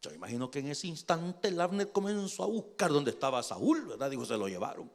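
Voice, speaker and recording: A man's voice: fairly high pitch, big pitch swings, a little fast. A male pastor preaching a sermon in a conversational way, checking in with his listeners and joking as he goes.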